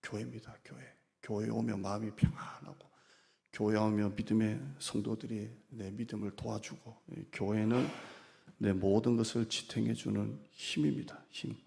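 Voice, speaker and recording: A man's voice: fairly low pitch, little pitch movement, normal speed, creaky, mellow, big-room sound. A middle-aged male pastor preaching a sermon, repeating key words and asking the congregation questions. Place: church sanctuary.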